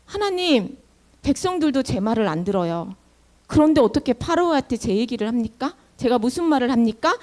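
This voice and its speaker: A woman doing a soft-spoken, worried leader. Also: high voice, lively intonation, moderate pace. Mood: pleading. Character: troubled humble male leader pleading with God.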